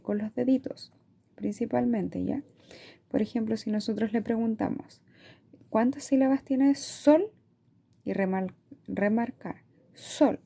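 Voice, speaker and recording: A woman teacher with a Chilean Spanish accent, explaining a reading lesson to parents in a slow, patient way, stretching out words and checking in with "¿ya?". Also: a little high, gravelly, mellow. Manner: asks "¿ya?" often.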